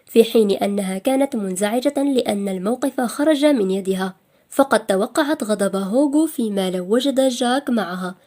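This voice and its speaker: A woman narrating an audiobook in a steady, measured reading. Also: mid-range voice. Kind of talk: scripted narration.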